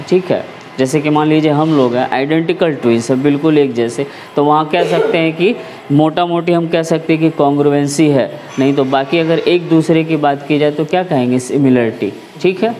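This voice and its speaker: A man's voice: fairly high pitch, darkish tone, a little hiss or hum. A man teaching a math class, explaining patiently and often asking whether the students follow. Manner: explanatory, checks understanding with repeated questions.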